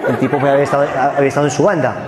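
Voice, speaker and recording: A man's voice: medium pitch, very fast, a crowd in the background. A man with a Colombian Spanish accent preaching a sermon, telling a story and acting out voices. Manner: animated storytelling, acts out voices. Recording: echoey hall with faint ambience.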